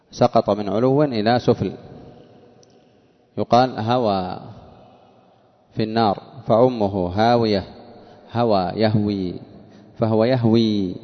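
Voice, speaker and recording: Slow deliberate male grammar teacher. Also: lowish voice, long reverb tail, highs cut off. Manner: slow, deliberate, asks questions and answers them himself; chants quoted verses. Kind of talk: classical Arabic grammar lesson.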